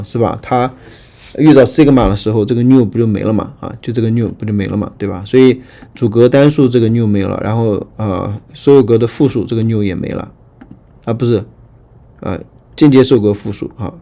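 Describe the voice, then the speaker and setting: A man teaching Greek grammar in a lecture, patient and repetitive, often checking that students follow and reading word forms aloud slowly. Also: medium pitch, warm tone. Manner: patient, repetitive, frequent fillers and checking questions. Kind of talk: online lecture explaining grammar.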